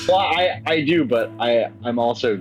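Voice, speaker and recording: A game writer with a mid-range, animated voice chats casually at a normal speed in an interview, sounding hesitant and rambling with frequent stammers. His mic is slightly dull and lo-fi, and music plays in the background.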